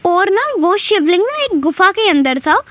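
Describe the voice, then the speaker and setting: A woman's voice: very high-pitched, big pitch swings, normal speed, fairly bright tone, dry recording. A young girl earnestly recounting a pilgrimage and school day, thanking her guru again and again. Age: child. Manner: earnest storytelling with devotional thanks; childlike, breathless retelling. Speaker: devotee sharing a testimony. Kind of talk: devotional testimony.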